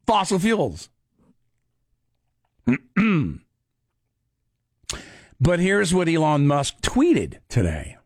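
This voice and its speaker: A male radio talk show host chatting casually, with sarcastic, quick asides. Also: a little high, huge pitch swings, dry recording, studio quality. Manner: sarcastic, conversational, rapid asides.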